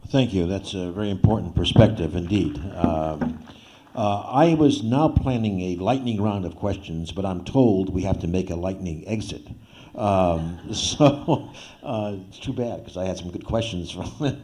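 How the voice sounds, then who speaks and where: A man wraps up a conference panel as its moderator. He speaks haltingly, with many fillers and small laughs. His voice is low-pitched, mellow and warm. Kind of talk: closing remarks.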